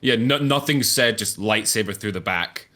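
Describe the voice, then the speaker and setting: Deep-voiced young man chatting. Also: moderate pace, bright, forceful tone. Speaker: podcast co-host. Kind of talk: casual chat.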